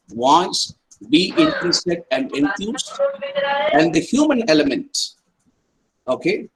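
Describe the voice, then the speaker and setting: A man's voice: on the high side, a bit bright, rough recording. A middle-aged man, an academic counsellor giving an online lecture and tagging his points with "right?" and "okay". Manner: repeats points, tags sentences with "right?" and "okay".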